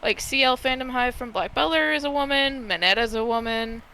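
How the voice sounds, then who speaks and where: A woman's voice: on the high side, brisk, bright, forceful tone. A woman chatting casually as a guest on a stream call, informal, rambling and blunt. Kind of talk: casual chat. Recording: faint noise on a call.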